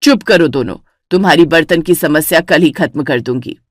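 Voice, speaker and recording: Brief: cartoon mother-in-law, older and commanding, played by a woman, lowered firm voice. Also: moderate pace, no room sound, clean studio sound. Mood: scolding. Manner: scolding, commanding. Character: stern older mother-in-law, head of house.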